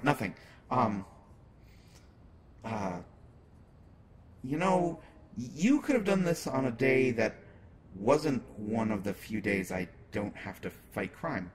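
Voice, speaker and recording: In a roleplay audio drama, a man plays a flirtatious, teasing superhero who is secretly smitten, addressing the listener in an acted monologue. His medium-pitched voice sounds flustered and shy, halting and playful, with background noise behind him.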